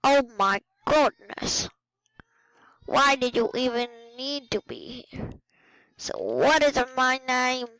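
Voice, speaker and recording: A woman's voice: high-pitched, slow pace, smooth, rough recording. A woman hosting a casual gaming video, talking to viewers as she plays and exclaiming at what happens on screen. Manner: excitable, exclaiming at the game. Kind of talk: casual game commentary.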